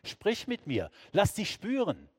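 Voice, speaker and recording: A man's voice: sits high, wildly swooping pitch, slow, slightly rough, no room sound, in a large hall, pitched above the performer's own voice, heavily acted. A man voicing an anguished figure pleading desperately in prayer, in a raised, emotional tone.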